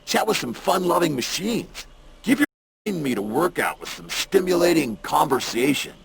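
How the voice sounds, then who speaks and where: A man's voice: fairly high pitch, big pitch swings, normal speed, gravelly. An actor voicing a laid-back male robot from a machine commune, his voice run through a robotic filter, shifting from stiff formal greetings into easygoing dude slang. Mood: mellow. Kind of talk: video game voice acting.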